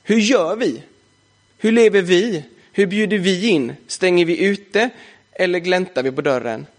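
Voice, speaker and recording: Young male preacher with a slightly high voice, easygoing and chatty from the pulpit. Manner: casual conversational preaching, frequent filler "liksom". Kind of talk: sermon.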